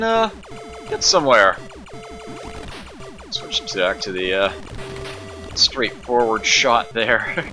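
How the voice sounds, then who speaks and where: A man streaming a retro arcade game, giving casual, rambling commentary with wry, self-deprecating asides. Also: mid-range voice. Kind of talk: casual live gameplay commentary.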